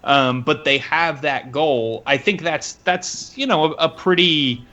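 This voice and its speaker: A man's voice: on the high side, a little slow, pushed and bright, muffled recording. A man chatting casually on a live show, thoughtful and hesitant with fillers.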